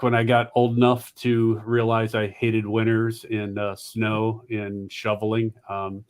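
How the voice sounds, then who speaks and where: A man from upstate New York answering interview questions, halting, with frequent ums and uhs. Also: lowish voice. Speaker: guest, company founder.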